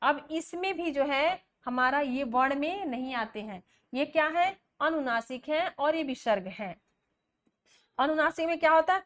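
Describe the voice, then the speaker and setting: A woman lecturing as a language teacher, her voice pitched high. She moves at a slow, deliberate pace, listing sounds one by one and posing questions she then answers herself. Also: expressive, a bit bright. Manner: explains step by step, asks questions then answers them. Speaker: Hindi teacher. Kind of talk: classroom lecture.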